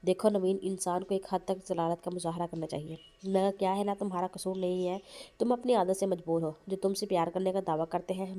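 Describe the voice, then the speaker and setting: A woman's voice: medium pitch, warm tone, lightly acted. A woman voicing an arrogant young man who lectures with contempt, in an audio novel.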